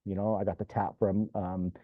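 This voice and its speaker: Male guest, former mayor, low-ish conversational voice, rambling anecdotes, dry phone-quality audio. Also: flat delivery, moderate pace, no echo. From California. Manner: rambling, peppered with "you know" and "right?". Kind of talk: casual storytelling. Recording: dry tinny phone-like line.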